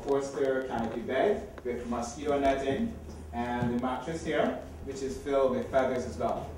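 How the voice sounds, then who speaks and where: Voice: mid-range voice, darkish tone. A tour guide in a historic house, explaining the exhibits in an informal guided-tour talk. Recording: very echoey room, distant, faint noise.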